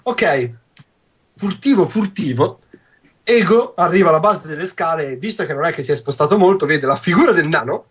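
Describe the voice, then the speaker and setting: A young man with a husky voice, refereeing and narrating a tabletop game as game master over a video call. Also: on the high side, expressive, normal speed. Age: young adult. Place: at home on a group video call.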